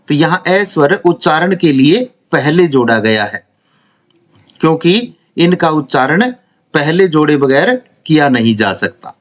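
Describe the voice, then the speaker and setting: A man teaching a grammar lesson, explaining slowly and repeating syllables one by one. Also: fairly high pitch, a bit bright. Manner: slow, deliberate, repeats and spells out syllables.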